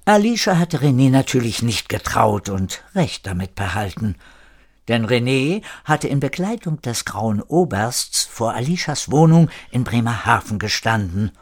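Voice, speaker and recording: A man narrating a story with a lively storytelling manner. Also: mid-range voice, measured pace.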